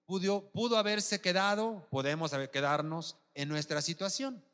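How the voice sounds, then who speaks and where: Pastor preaching in a reverberant hall. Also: male voice, sits high, normal speed, a bit bright, smooth. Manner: keeps asking the congregation if they are with him. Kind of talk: sermon. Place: church.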